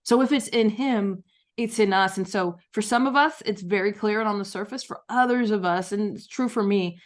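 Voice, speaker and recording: Guesting on a podcast, this author tells her stories with enthusiasm, performing the quoted lines as she goes. Her voice is medium-pitched and moves at a normal speed.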